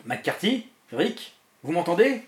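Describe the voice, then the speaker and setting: A man voicing a middle-aged man who stays calm and terse under horror. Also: takes it slowly, heavily acted. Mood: tense contained. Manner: low, contained, terse. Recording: roomy echo.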